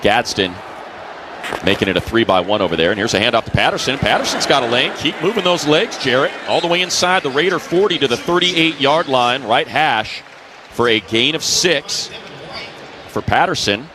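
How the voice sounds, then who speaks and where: With crowd sounds from the stadium behind him, a man gives live radio play-by-play of American football. He talks at a normal speed in a mid-range, animated voice, keeping his descriptive phrases clipped.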